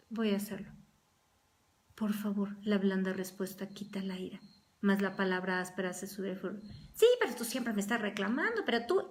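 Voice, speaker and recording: A woman church teacher leading a Bible study, speaking earnestly and acting out everyday quarrels in quoted voices. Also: medium pitch.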